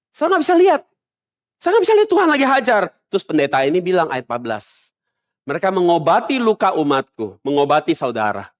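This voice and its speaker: Emphatic preaching man. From Indonesia. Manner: emphatic preaching with sudden drops to a low murmur; mocks other preachers in a soft mimicking voice. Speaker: pastor. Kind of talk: sermon. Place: church.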